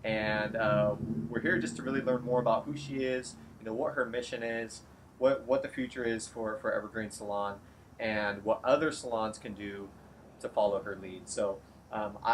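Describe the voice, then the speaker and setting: A man interviewing a salon owner in a casual, friendly way, often pausing with fillers and restarting sentences. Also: fairly low pitch, steady tone, a little hiss or hum, poor audio. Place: salon, outdoors then indoors.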